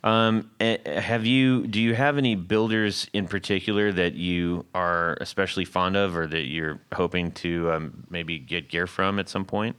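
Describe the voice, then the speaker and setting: Man, low smooth voice, chatty podcast host, chimes in often. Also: steady tone, fairly bright tone. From California, USA. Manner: chatty, encouraging, quick to chime in. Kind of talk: casual interview chat.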